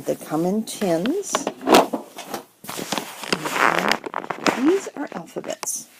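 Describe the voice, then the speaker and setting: Low raspy middle-aged lady rambling through a craft haul, paper crinkling, noisy. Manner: chatty, rambling with many ums. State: has the hiccups. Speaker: crafting vlogger. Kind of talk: casual haul video. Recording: noisy home recording. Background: paper crinkling and rustling.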